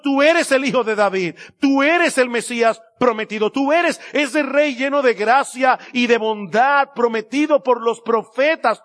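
A male preacher voicing a blind male beggar who cries out for mercy in drawn-out, pleading calls. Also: very high-pitched, fairly bright tone, exaggerated voice.

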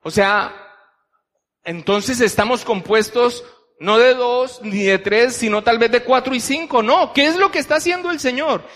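A man's voice: very high voice, unhurried, a bit bright. A man preaching a teaching sermon, methodically explaining Bible verses and asking many rhetorical questions. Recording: long hall reverb.

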